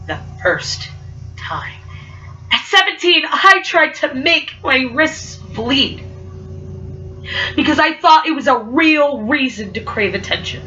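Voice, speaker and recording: Heard muffled and from a distance, a young poet with a high, bright, forceful voice performs spoken word. She stutters as she speaks, and her delivery stays rhythmic and emphatic.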